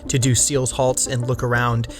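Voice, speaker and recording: A man's voice: medium pitch, flat delivery, moderate pace. A man hosting a gaming video, reading scripted review narration and addressing viewers directly with emphasis. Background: music.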